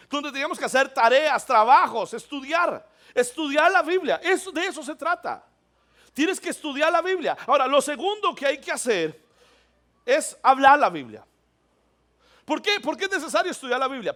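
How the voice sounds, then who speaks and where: A man's voice: very high voice, a bit bright. A middle-aged male pastor preaching a sermon, asking the congregation rhetorical questions.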